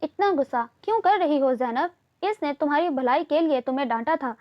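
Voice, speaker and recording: Woman voicing a patient mom gently reasoning with her daughter, high voice, dull lo-fi audio. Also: fairly quick. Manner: calm, reasoning. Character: patient middle-aged mother, gently lecturing.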